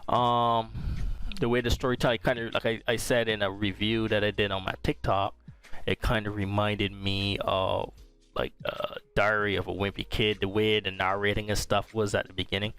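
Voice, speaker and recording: Easygoing man with a smooth low voice. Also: flat delivery, moderate pace, fairly bright tone, faint music behind. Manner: rambling, easygoing, often restarts his sentences. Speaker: podcast host. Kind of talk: casual pop-culture review chat.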